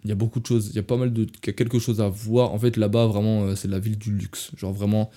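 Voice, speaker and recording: This young man from France has a lowish, warm voice that moves little in pitch, and he talks fast. On a relaxed podcast he tells wandering travel stories, fixes his own words mid-sentence, and calls his listeners "les gars."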